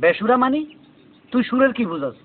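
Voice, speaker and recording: A man's voice: extremely high pitch, big pitch swings, heavy background noise. A man, playing a bossy, greedy music teacher in a comedy skit. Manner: bossy, greedy, sings off-key in a drawn-out way. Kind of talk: comic skit acting. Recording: tinny lo-fi audio with loud music.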